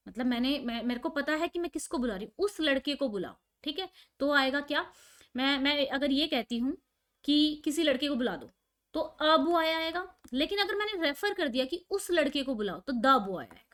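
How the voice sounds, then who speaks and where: A woman's voice: high-pitched, expressive, normal speed, fairly bright tone. A woman teacher, explaining a lesson step by step and asking and answering her own questions. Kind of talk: online class lesson.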